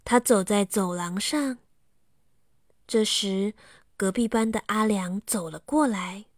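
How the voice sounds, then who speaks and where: A woman narrating a children's bedtime story slowly and softly. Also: medium pitch, dry recording, clean studio sound. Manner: slow and soft.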